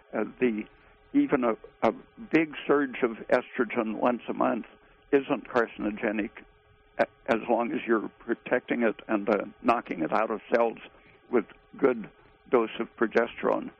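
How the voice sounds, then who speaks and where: A man speaking as a guest expert on a call-in radio show, halting, with frequent pauses. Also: medium pitch, steady tone, vocal fry, a little hiss or hum. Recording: tinny phone line.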